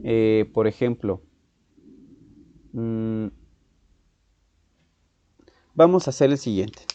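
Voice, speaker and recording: A man with a Mexican accent teaching a physics exam-prep lesson, thinking aloud with halting restarts, frequent "ok?" and clearing his throat. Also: fairly low pitch, expressive, mellow, no echo. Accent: Mexican Spanish. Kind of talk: exam-prep lesson working through problems. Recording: muffled, dull sound in a dry room.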